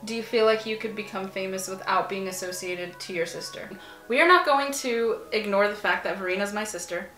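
Painting while she answers questions, an artist and vlogger in her 20s whose first language is Arabic talks casually from a couch in a small home room. Her mid-range voice moves a little fast, loose and filled with "like." The low-quality recording from a camera a few feet away sounds roomy, with faint music behind.

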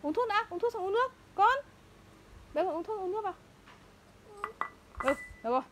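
Heavy background noise surrounds this indoor home video, where a mother with a very high, animated voice speaks fairly quickly. Again and again she scolds and coaxes her child to get moving, her tone urgent and insistent.

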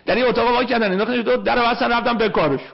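A man telling an anecdote in lively storytelling style, acting out the people in it with an Iranian Persian accent, on a dull lo-fi recording. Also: very high-pitched, creaky. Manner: animated storyteller acting out quoted voices.

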